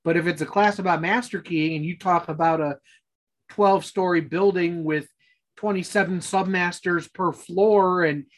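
A man's voice: sits high, fairly even intonation, moderate pace. A man co-hosting a podcast, rambling easily in casual chat. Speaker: podcast co-host.

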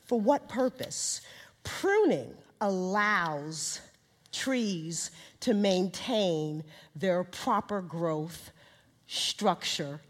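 A woman in her sixties or older preaching a sermon, speaking to a live congregation and swinging from quiet lines to shouted highs. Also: expressive, very slow. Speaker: guest speaker, minister. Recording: reverberant hall.

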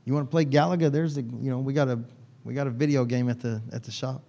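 A man's voice: medium pitch, steady tone, fast talker, vocal fry, warm tone. A man preaching a conversational sermon in church, chatting with and teasing his congregation. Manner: folksy, teasing the congregation by name. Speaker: pastor.

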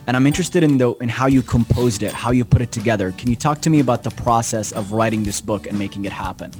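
Relaxed male radio host. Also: mid-range voice, fast talker, faint music behind. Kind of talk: radio interview.

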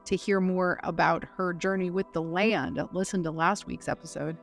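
A woman's voice: fairly low pitch, fairly even intonation, moderate pace, gravelly, faint music behind. A woman hosting a podcast, reading introductions to the stories. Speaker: podcast host. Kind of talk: scripted podcast narration.

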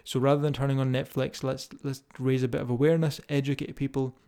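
On his casual motivational podcast, a Scottish fitness coach with a strong accent speaks straight to listeners in an informal way. His mid-range voice is clear, warm and resonant, kept level at a quick pace.

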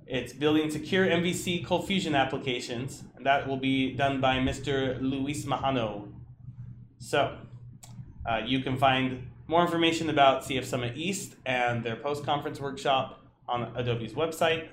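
A man co-hosts a casual news podcast in an ordinary mid-pitched voice. The room adds noticeable echo, and there is some noise behind him. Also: normal speed. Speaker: podcast co-host. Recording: roomy echo, clear background noise.

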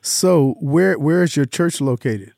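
A man's voice: fairly high pitch, a little slow, gravelly, darkish tone, no echo. A man hosting a radio interview show from a studio, friendly and encouraging, filling in with short affirmations.

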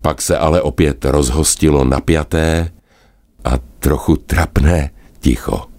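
Very deep-voiced male storyteller. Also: no room sound. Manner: lively, expressive telling. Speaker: narrator. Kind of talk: storybook narration.

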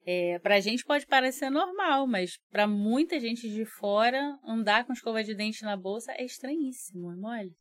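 A woman's voice: fairly high pitch, animated, normal speed, few pauses, no echo, studio quality. A woman with a Brazilian Portuguese accent, co-hosting a casual podcast and speaking straight to listeners. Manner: chatty, addresses listeners directly. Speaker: podcast co-host. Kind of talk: casual educational podcast chat.

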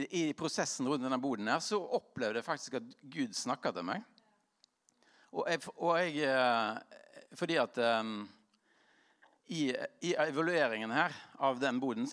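A man's voice: mid-range voice, fairly bright tone. A man speaking to a live audience in an informal sermon-style talk, rambling and self-deprecating, laughing often, with many fillers and restarts.

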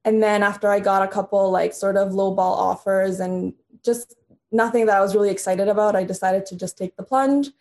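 A woman's voice: medium pitch, fairly even intonation, fairly quick, darkish tone. A woman in her thirties, originally from Honduras, talking casually as a podcast guest and laughing often. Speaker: guest lawyer.

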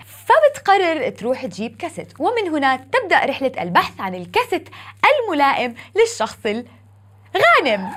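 A woman with a Levantine Arabic accent narrating a scripted podcast in a playful folk-tale storytelling manner, with rhyming phrases. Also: high voice. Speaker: podcast host. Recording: music playing behind the voice. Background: music.

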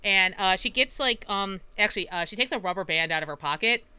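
A woman's voice: mid-range voice, animated, a little fast, sharp tone, smooth, dry recording. A woman playing a tabletop role-play game, rambling and correcting herself as she explains her character. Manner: chatty, rambling, self-correcting. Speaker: player.

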